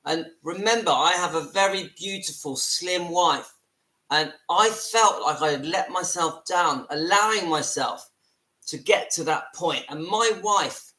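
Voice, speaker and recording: A man's voice: on the high side, a little slow, sharp tone, reverberant, rough recording. Chatty West Country man in his fifties. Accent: West Country English. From southwest England. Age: 50s. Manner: chatty, earnest, self-deprecating. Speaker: vlogger. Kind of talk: casual live video talk. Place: at home, seated.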